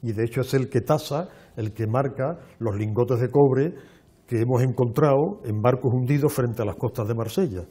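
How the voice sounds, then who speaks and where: A man, a guest explaining in a measured, lecturing way with frequent restarts on a television show. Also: medium pitch, warm tone, husky. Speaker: archaeologist guest. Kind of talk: explanatory interview talk. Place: television studio.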